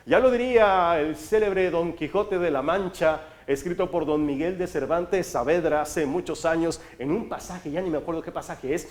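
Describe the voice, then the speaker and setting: Coach guy doing a motivational talk, kinda high voice, asks lots of questions, tells stories. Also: moderate pace, few pauses. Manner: storytelling, rhetorical questions, animated sound effects.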